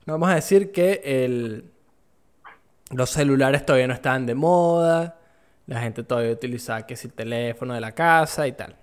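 A man co-hosting a casual gaming chat, telling stories in slangy, animated talk. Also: mid-range voice, moderate pace, clear, resonant tone. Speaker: podcast co-host.

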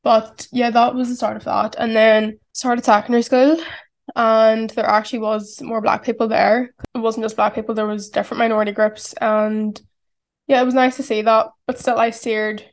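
A strong Irish accent marks this twenty-something woman, who reflects casually on her solo podcast and sprinkles "like" throughout. She speaks at a moderate pace with a flat delivery, her voice on the high side.

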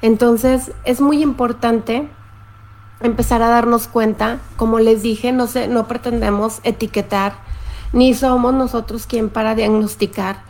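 A middle-aged woman talks to her live-stream viewers in an explanatory way, greeting them by name. Her voice sits a little high and has a gravelly, fry-laden edge. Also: steady tone, unhurried. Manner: warm, explanatory, reads viewer comments aloud.

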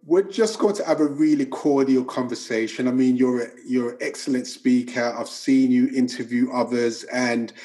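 A man's voice: medium pitch, moderate pace, hardly any pauses, warm tone. A man hosting an interview podcast, asking friendly, rambling questions. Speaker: podcast host.

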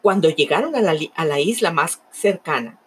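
A woman narrating a fable in a dramatic, emotive way, with lingering pauses. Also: sits low, expressive, fairly bright tone, husky. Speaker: storyteller.

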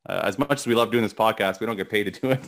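A middle-aged man with a gravelly morning voice and a fairly low pitch, chatting as the co-host of a sports podcast. He rambles and halts, restarting sentences and filling the gaps with ums and uhs. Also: fairly bright tone. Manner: rambling, halting with many restarts and fillers. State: voice cracking. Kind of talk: casual sports podcast chat.

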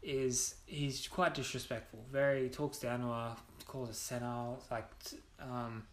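A man's voice: mid-range voice, little pitch movement, normal speed, slight background noise. A young man, a podcast guest, telling a personal story candidly, bluntly and with frequent swearing. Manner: blunt, swears freely, many restarts. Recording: roomy echo.

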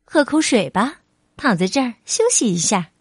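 Storybook figure: a woman doing a chatty, coaxing city mouse, slightly high and dry-sounding. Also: big pitch swings, normal speed, slightly rough, dry recording. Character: friendly, worldly little city mouse. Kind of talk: storybook reading for children.

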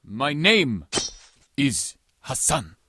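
A man's voice: medium pitch, sing-song, very slow, bright, forceful tone, a little hiss or hum, full character voice. An actor playing a stern, proud pirate who speaks stiff, formal English that is not his first language. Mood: scornful. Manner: stiff, formal, non-native English phrasing. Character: proud Somali male pirate, stern and scornful. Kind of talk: audio drama acting.

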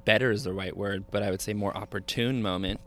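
Low-voiced deadpan man co-hosting a podcast. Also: fast. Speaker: podcast co-host. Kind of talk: casual chat.

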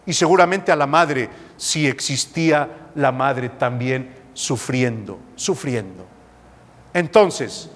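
A man, a priest, preaching a slow, emphatic sermon. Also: a little high, fairly bright tone, long reverb tail. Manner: slow, emphatic preaching with dramatic acted quotes.

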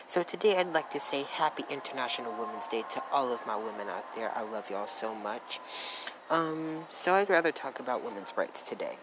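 A man's voice: mid-range voice, expressive, brisk, noisy background. A man hosting his own vlog, speaking earnestly and emphatically in repeated affirmations while holding back emotion. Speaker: vlog host. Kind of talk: earnest direct-to-camera talk.

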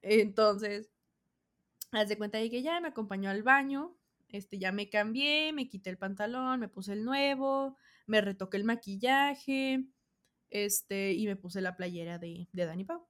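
A woman's voice: mid-range voice, measured pace. A young adult woman with a Mexican accent telling a casual storytime, full of slang and acting out what people said. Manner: animated, slangy, acts out quotes. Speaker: vlogger.

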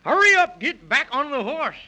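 A man's voice: very high voice, big pitch swings, sharp tone, heavily acted. A man playing a grumpy, flustered old fusspot who sputters and frets, in 1930s children's radio drama style. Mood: fretful, alarmed. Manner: sputtering, fretful, drawn-out exclamations.

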